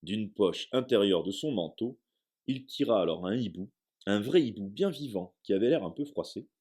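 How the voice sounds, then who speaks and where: A man narrating a storybook aloud in a steady, measured reading. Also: fairly low pitch, husky. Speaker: audiobook reader.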